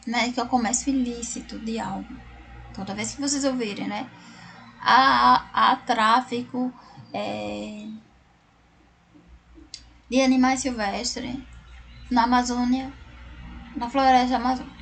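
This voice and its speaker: A woman's voice: fairly high pitch, steady tone, a little slow, gravelly, long pauses, fairly bright tone, slight background noise. A Brazilian woman teaching a recorded class, explaining word by word and often checking in with tag questions. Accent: Brazilian Portuguese.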